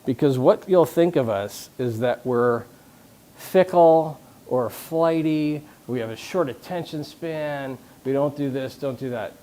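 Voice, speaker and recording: A man's voice: medium pitch, measured pace, warm tone. A man speaking to a live conference audience about leadership, casual and joking, with frequent restarts and questions to the room. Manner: conversational, jokey, many restarts, asks the audience questions.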